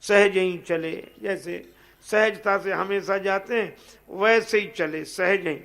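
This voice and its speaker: High-voiced man telling a slow devotional tale. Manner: expressive, moving between recited verse and spoken story. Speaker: devotional storyteller. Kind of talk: devotional storytelling with sung verses.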